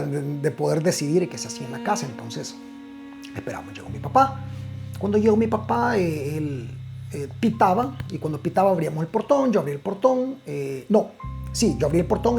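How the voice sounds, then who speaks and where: A man's voice: a little high, gravelly, a little mellow. A man with a Guatemalan Spanish accent telling a personal story in a casual, conversational way to returning listeners, with many fillers and restarts. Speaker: storyteller host.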